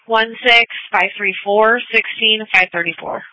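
Woman emergency dispatcher on a muffled radio channel, bright tone, clipped code-and-number calls. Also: a little high, fairly even intonation, a little slow, no room sound. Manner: clipped, businesslike, reading out codes and numbers. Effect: heard over an emergency services radio channel.

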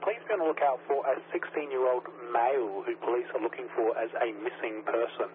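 A man broadcasts an alert over a crackly two-way radio in clipped, formal radio procedure. His voice is squeezed thin, with steady hiss under it. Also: mid-range voice. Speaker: transit control radio dispatcher. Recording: tinny noisy radio transmission.

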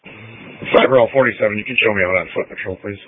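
A man speaking as a police officer in the field, keying in rapid, clipped calls over police radio. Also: fairly low pitch, husky, no echo. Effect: police radio transmission. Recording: tinny, dry phone-like police radio.

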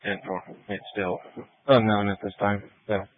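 Very deep flat man over police radio. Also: moderate pace, dry recording. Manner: clipped radio codes. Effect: heard over a two-way police radio. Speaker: police officer on patrol. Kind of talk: radio dispatch traffic. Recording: tinny, dry radio transmission.

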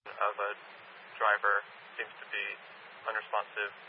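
A man reporting from the scene over a two-way radio, his low voice held almost completely flat. The transmission is dull and muffled, and he sounds set back from the mic. Loud static runs beneath him the whole time. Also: a little slow, far from the mic. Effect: heard over a two-way radio.

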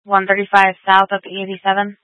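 A female police dispatcher giving brisk code acknowledgements, heard over a two-way radio. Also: mid-range voice, completely flat delivery, no room sound. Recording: tinny narrow radio channel.

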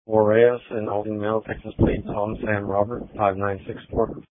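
A male patrol officer giving terse, clipped radio traffic over a muffled, breaking-up police radio transmission, reading out codes slowly. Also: lowish voice, flat delivery, no room sound.

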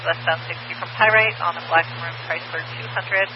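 A man's voice: fairly high pitch, steady tone, brisk. A man working as a police dispatcher, talking over a walkie talkie in a clipped, businesslike way, reading out codes and plates. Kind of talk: radio dispatch call. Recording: muffled, static-filled radio transmission.

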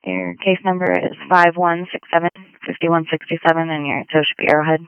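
A male police dispatcher on a tinny, narrow-band police radio channel with a dry sound. His voice sits fairly high and moves lively across its range as he clips through codes, plates and case numbers. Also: smooth, dry recording. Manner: clipped, brisk radio codes.

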